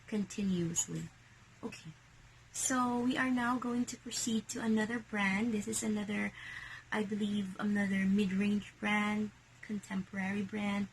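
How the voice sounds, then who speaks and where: A Filipino woman in a casual vlog, showing and selling secondhand bags in a hushed, half-whispered voice. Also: mid-range voice, a little hiss or hum, poor audio. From Philippines.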